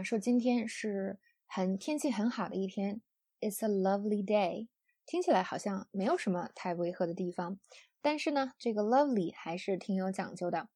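A woman's voice: mid-range voice, no echo, clean studio sound. A woman English teacher explaining word usage to students in a friendly, chatty way. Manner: friendly and chatty, with soft sentence-final particles.

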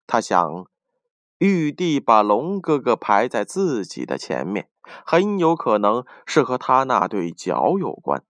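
A man narrating a children's folk tale in an expressive, lively reading. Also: medium pitch, slow, dry recording. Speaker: storyteller. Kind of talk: storybook narration.

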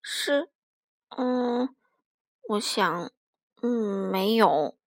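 Brief: timid frightened little boy, high voice, dry close sound, woman voicing him. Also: lively intonation, unhurried, pushed and bright, no room sound, exaggerated voice. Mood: stammering. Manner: timid, stammering.

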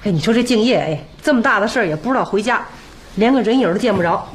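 Quick, nagging wife played by a woman. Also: medium pitch, lively intonation, slight background noise, lightly acted. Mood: complaining. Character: nosy, fretful wife in a wealthy old Chinese household. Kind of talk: TV period drama dialogue.

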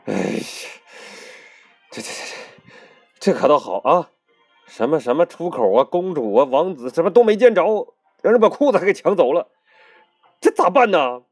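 A performer voicing a battered, blustering older male martial arts master who talks slowly and groans in self-pity. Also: mid-range voice, very animated, a little mellow, faint music behind. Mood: rueful. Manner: slow, groaning, self-pitying boasts.

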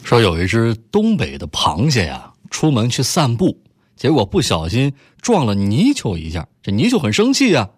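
Lively male host telling jokes. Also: mid-range voice, normal speed. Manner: lively storyteller who laughs at his own jokes and acts out characters. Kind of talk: joke-telling comedy segment.

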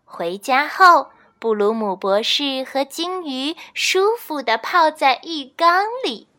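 A woman reading a children's storybook aloud, expressive and measured. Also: sits high. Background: faint children's music.

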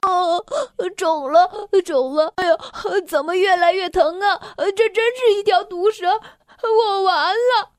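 A woman's voice: on the high side, animated, a little slow, fairly bright tone, dry recording, clean studio sound. A woman voicing a bratty boy who bullies and jeers, then groans in pain. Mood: groaning. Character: bratty mean boy bully, later weak and sorry.

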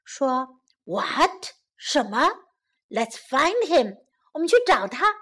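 Woman playing an anxious mother goat, gentle and slow-spoken. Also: sits high, sing-song, exaggerated voice. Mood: alarmed.

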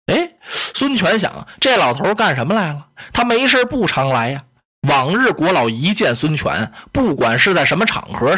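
A male storyteller, narrating a historical tale in a vivid, rhythmic traditional style. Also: high-pitched. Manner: vivid, animated, rhythmic delivery.

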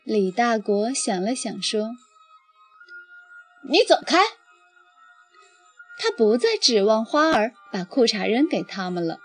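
A woman reading a children's story aloud as storyteller, expressive and lively. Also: fairly high pitch, moderate pace, hardly any pauses, husky. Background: faint background music.

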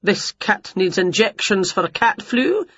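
A woman's voice: medium pitch, very animated, slow, fairly bright tone, husky, dry recording, dull audio, exaggerated voice. A woman voicing a fussy, startled male vet in a storybook, in a prim tone close to her own voice. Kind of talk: storybook reading.

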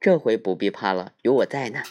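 A man voicing a gentle, patient big bear comforting a cub, soft and soothing. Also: on the low side, animated, a little fast, natural voice.

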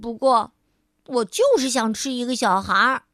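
A woman's voice: on the high side, normal speed, a bit bright, no room sound, clean studio sound. A woman doing a stubborn little crocodile boy. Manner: whiny, insistent.

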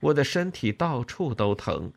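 A man narrating an audiobook in an expressive, emotional storytelling manner. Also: mid-range voice, a little slow, vocal fry.

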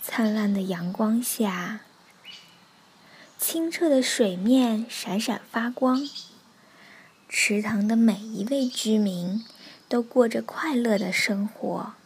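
A woman reads a bedtime story aloud to children in a soft, breathy near-whisper. She speaks very slowly with a slightly high voice, and faint ambient noise sits behind her.

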